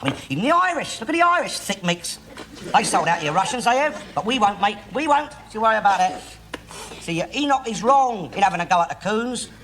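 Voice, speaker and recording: An actor playing a loudmouthed, bigoted, middle-aged working-class man, ranting and swearing in a Cockney accent. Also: sits high, very animated, a little fast, full character voice. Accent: London Cockney. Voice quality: loud, ranting, swears constantly, tag questions. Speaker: sitcom lead character. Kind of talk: 1960s TV sitcom acting. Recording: noisy old TV soundtrack.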